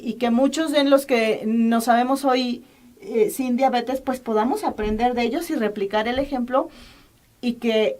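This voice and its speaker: A woman's voice: on the high side, a little mellow. A woman host with a Mexican accent, asking a doctor questions in a chatty way with many restarts. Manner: conversational, restarts and repeats while asking. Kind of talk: interview, health program.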